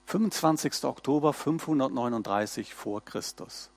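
A man preaching a sermon, reading scripture in a slow and measured way with emphatic rises. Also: medium pitch, creaky, a little mellow.

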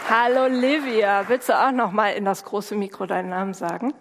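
A woman hosting an event, coaxing and chatting with children in a lively, warm manner. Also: medium pitch, normal speed, a little hiss or hum. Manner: warm coaxing, speaks to kids directly. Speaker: host of a school-start service. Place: large hall with a crowd. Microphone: handheld microphone. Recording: long hall reverb, crowd murmur.

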